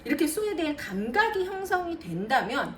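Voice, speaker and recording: A woman math tutor giving a lively lesson to parents, counting aloud and talking straight to mothers. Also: high voice, brisk, far from the mic. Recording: roomy, a bit off-mic, faint noise.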